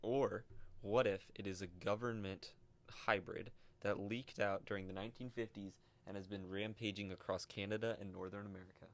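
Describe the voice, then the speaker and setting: Young man reading research, low voice. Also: steady tone, moderate pace. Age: young adult. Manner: reads research aloud, stumbles over names, laughs often. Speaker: podcast co-host. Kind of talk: casual podcast chat.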